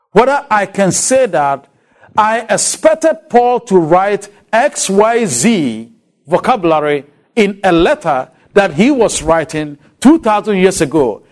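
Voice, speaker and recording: A Ghanaian man whose voice sits high gives a lecture on a Bible letter, posing rhetorical questions to those listening. He speaks English, not his first language, with a Ghanaian accent.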